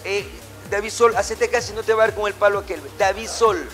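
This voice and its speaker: Brisk and steady in tone, this middle-aged man has a high, fairly bright voice, with soft music in the background. He's a martial arts instructor calling out drills in an indoor matted gym, repeating short, commanding orders and corrections to his class.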